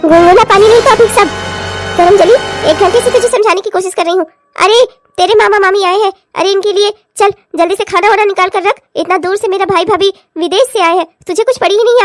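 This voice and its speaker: A woman's voice: very high-pitched, fast, dry recording, clean studio sound, faint music behind. A woman voicing a bossy, nagging middle-aged mother-in-law in a cartoon, scolding and showing off. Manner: scolding, boastful.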